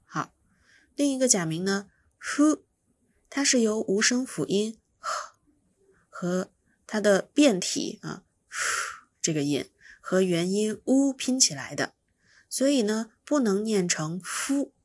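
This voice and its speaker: Slow, husky-voiced woman teaching pronunciation. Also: mid-range voice, expressive, a little mellow, no room sound. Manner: patient, demonstrates sounds by repeating them. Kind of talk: slow instructional explanation.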